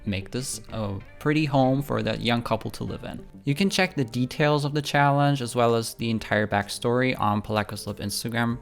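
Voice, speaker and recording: A man's voice: mid-range voice, smooth. A man hosting a home-building game video, talking casually over the footage with a friendly, apologetic manner and many ums. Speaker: speed-build video host.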